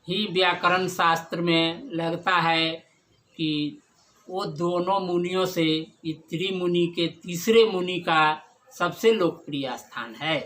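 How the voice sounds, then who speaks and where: A man teaching a class, telling a story about the origins of Sanskrit grammar in slow, deliberate speech and chanting Sanskrit verses between the explanations. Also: on the high side, pushed and bright. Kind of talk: lecture on Sanskrit grammar lore.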